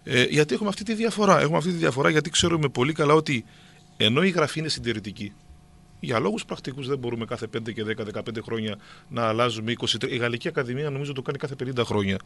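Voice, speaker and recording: Gravelly, bright-voiced man lecturing. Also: medium pitch. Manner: lecturing, many hesitation fillers. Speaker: guest. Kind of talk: explaining to a radio co-host.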